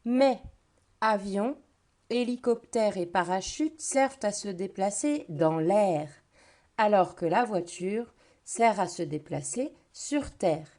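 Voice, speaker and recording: A woman giving a phonics lesson to a child, saying each word slowly and clearly and speaking to the listener directly. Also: mid-range voice, lively intonation, mellow. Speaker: teacher.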